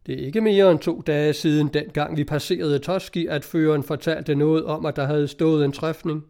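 A man reads a story aloud in steady, scripted audiobook narration. His voice sits somewhat high for a man. He gives each character's dialogue a light shift of its own.

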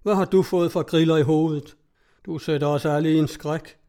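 A man's voice: a little high, fairly even intonation, dark tone, lightly acted. A man voicing a blustering, fearful innkeeper. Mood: scolding. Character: fearful bass-voiced male innkeeper.

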